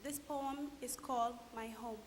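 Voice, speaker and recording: A woman's voice: fairly high pitch, fairly even intonation. Young woman from Sudan reciting poetry. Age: young adult. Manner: heartfelt, slow and deliberate in the poem. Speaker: chorus member reciting a poem. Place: large concert hall. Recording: reverberant hall, faint hiss.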